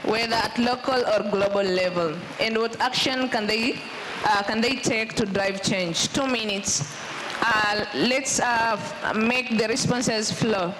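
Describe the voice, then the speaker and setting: A woman moderating a conference panel, repeating prompts and filling pauses with "uh" as she guides the speakers. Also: on the high side. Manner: directive, repeats prompts, frequent uh fillers. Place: conference venue. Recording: background noise.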